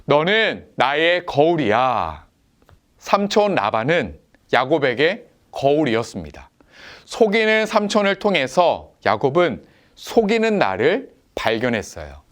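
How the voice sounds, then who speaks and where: A man with a fairly high voice preaches a children's sermon, his pitch rising and falling freely as he tells stories. He asks the children quiz questions and briefly acts out family members' lines in a gentle, storytelling manner. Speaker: children's pastor.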